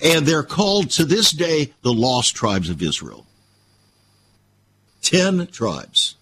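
Man, radio host, bible commentary, preachy, rhetorical questions, lively pitch. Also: takes it slowly, slight background noise.

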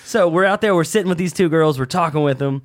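Quick-talking male comic co-host, spins crude self-mocking anecdotes and mimics voices, recorded dry and close. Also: fairly high pitch, no room sound. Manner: animated, acts out quoted voices. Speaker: podcast co-host, aspiring comedian. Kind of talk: casual storytelling chat. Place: indoors in a house.

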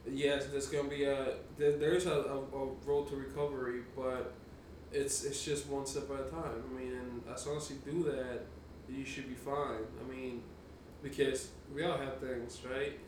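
A man's voice: medium pitch, flat delivery, moderate pace, few pauses, far from the mic. A man telling a story in casual podcast chat, rambling, swearing and laughing often. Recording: echoey room, off-mic, faint noise.

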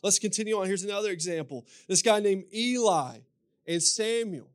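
A man's voice: sits high, animated, moderate pace. A man with a Kentucky accent preaching as a pastor, telling scripture stories and repeating phrases for emphasis. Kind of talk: sermon with scripture storytelling.

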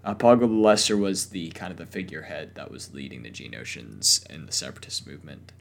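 Hosting a casual podcast by himself, a young man talks fast in a very deep, gravelly voice that a cough has made weak and strained. He's hesitant, leaning on fillers and frequently starting over.

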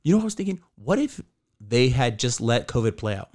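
Man, slight lisp, casual podcast chat, loose rambling, mid pitch. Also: big pitch swings, brisk, darkish tone. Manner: loose, rambling, lots of "bro" and "like". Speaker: podcast co-host.

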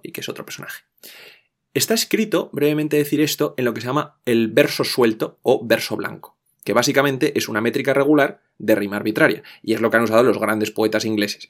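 A man explaining a classic poem in a conversational podcast, animated and often restarting his sentences. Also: lowish voice. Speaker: literature guest explaining a classic.

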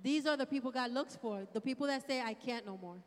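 High-voiced woman interpreting a sermon. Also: moderate pace. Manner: follows the preacher phrase by phrase, with small restarts. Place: church sanctuary. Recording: long church hall reverb.

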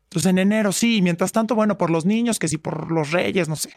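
A woman's voice: fairly low pitch, brisk, a little mellow, no echo, clean studio sound. A middle-aged woman, a guest giving earnest personal testimony and acting out past arguments. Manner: earnest, retells quarrels by acting out both sides. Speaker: interview guest.

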